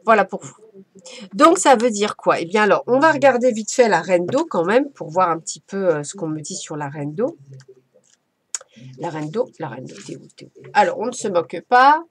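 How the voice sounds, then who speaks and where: A woman's voice: mid-range voice, expressive, fairly quick, husky. A woman giving a casual, playful oracle card reading as a medium, chatty and effusive. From France.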